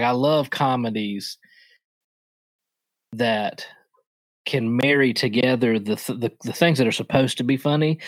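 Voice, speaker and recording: A man's voice: mid-range voice, dry recording. A man co-hosting a podcast in a casual movie chat, talking in run-on thoughts and laughing easily. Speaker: podcast co-host.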